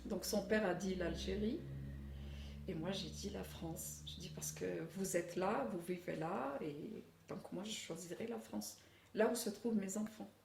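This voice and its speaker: A middle-aged woman answering interview questions in a measured, thoughtful way, with pauses and fillers. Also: medium pitch, vocal fry, far from the mic, noisy background. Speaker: interviewee, immigrant mother. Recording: echoey room, speaker off-mic.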